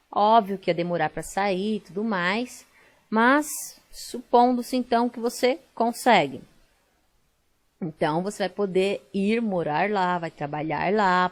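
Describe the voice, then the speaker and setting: A young Brazilian woman teaching an online school lesson, chatty and explaining step by step with frequent fillers. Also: medium pitch.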